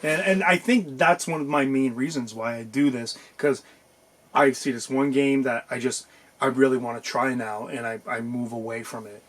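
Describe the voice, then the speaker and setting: A man co-hosting a casual podcast chat, talking in a rambling, animated way with lots of fillers and restarts. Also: medium pitch, normal speed. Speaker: podcast co-host.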